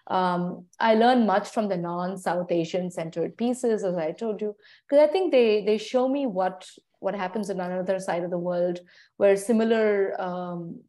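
Reflective woman with a mellow voice. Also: mid-range voice. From India. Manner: reflective, measured, pauses to search for words. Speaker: interview guest, food writer. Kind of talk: conversational interview answers.

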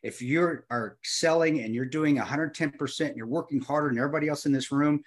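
A man's voice: on the high side, quick pace. A man in his early fifties, an interview guest, talking earnestly and reflectively, often restarting and repeating words. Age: 50s. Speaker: guest, former Army Ranger and firearms instructor. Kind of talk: reflective conversational storytelling.

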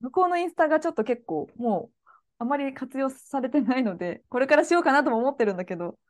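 A woman co-hosting a podcast in casual chat, animated and playful. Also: high-pitched, quick pace. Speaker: podcast co-host.

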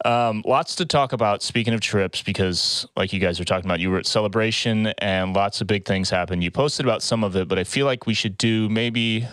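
A man with a lowish voice hosts a podcast in an upbeat, conversational way. The sound is dry, with very little room around him. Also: a little fast, few pauses, a bit bright, clean tone, no room sound. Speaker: podcast host. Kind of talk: upbeat podcast intro and casual chat.

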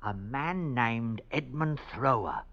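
A man's voice: medium pitch, expressive, slow, lo-fi sound, slight background noise. An actor playing a sly, cunning male prisoner in a 1950s radio drama, with whispered asides and cackles. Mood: earnest.

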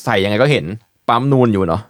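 A man hosting a casual podcast chat, explaining product details in a relaxed way with many fillers. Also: fairly low pitch, fast, dry recording, studio quality. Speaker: podcast host presenting eyewear.

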